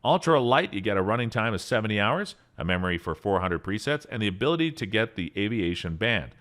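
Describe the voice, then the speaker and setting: In a scripted voice-over, a man runs through emergency radios, reading spec lists at a steady clip and raising his voice on each product name. His voice sits on the low side and moves fast.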